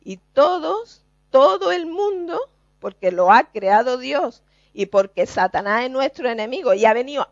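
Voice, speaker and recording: A woman's voice: fairly high pitch, no echo, dull audio. A woman preacher giving an earnest, emphatic sermon to her congregation. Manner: earnest, slow and emphatic, addresses the congregation directly.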